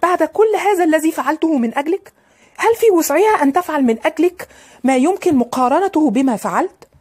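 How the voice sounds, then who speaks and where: A woman voicing a proud, wounded wife who speaks slowly and presses on each word. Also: high-pitched, animated, a little mellow, pitched above the performer's own voice. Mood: pressing.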